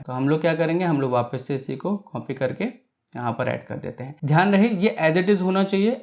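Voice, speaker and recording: A man from India with a slightly mellow, higher-pitched voice presents a step-by-step screen tutorial. He explains each action, checks in often, and mixes in English technical terms.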